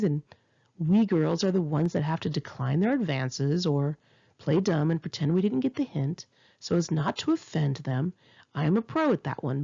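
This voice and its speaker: Reading her memoir like an audiobook, this author has a lowish voice that is gravelly, warm and husky, captured with lo-fi sound. She tells her first-person story in a dramatic, sarcastic, indignant way.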